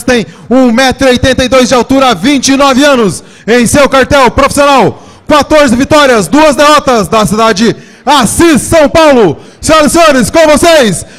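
High-pitched Brazilian man making grand entrance announcements. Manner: booming, drawn-out shouts of fighters' names. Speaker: ring announcer. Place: indoor fight cage in an event hall. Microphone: handheld microphone.

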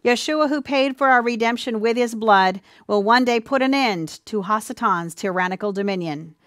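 A woman giving an earnest, sermon-style Bible teaching, speaking warmly to listeners as dear ones, with a few ums and restarts. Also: fairly high pitch, moderate pace, no room sound, clean studio sound. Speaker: presenter of a church teaching.

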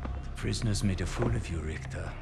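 An actor playing a stern, scornful Nazi superior officer in a war video game. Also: male voice, low-pitched, fairly quick, creaky. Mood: scornful anger. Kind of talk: dramatic video game acting. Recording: loud music behind the voice.

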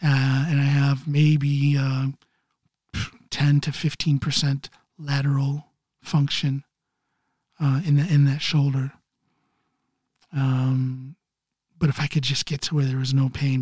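A man in his early fifties from Ohio, hosting a solo podcast while recovering from neck surgery, talking haltingly and clearing his throat often. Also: mid-range voice, darkish tone, no room sound, studio quality. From Ohio, USA. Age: 50s. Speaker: podcast host. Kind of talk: casual solo podcast monologue.

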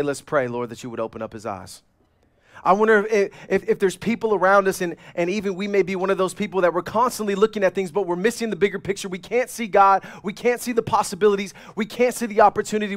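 A man preaching a sermon as pastor, animated, swinging between loud urgent lines and quiet low ones. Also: dry recording, clean studio sound.

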